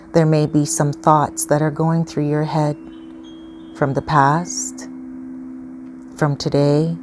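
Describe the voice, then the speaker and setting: A woman leading a calm guided grounding exercise as a meditation guide, giving patient, step-by-step instructions. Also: deep voice. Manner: slow, patient, instructional phrasing. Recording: clearly noisy ambient background.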